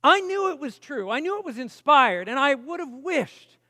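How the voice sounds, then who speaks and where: A man's voice: very high-pitched, big pitch swings, normal speed, bright, forceful tone, no echo, clean studio sound, big-room sound. A man preaching a sermon at a camp meeting, talking in a conversational, emphatic way and putting questions to the audience. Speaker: pastor.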